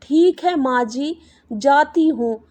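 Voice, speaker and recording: Woman doing a gentle meek young bride, soft and pleading, slow, storybook. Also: high voice. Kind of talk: storybook voice acting.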